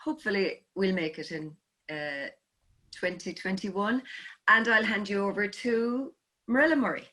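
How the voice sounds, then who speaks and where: A woman's voice: mid-range voice, a little slow, sharp tone. A woman with a West Cork Irish accent giving a casual introduction as a band musician. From West Cork, Ireland. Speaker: fiddle player in a band.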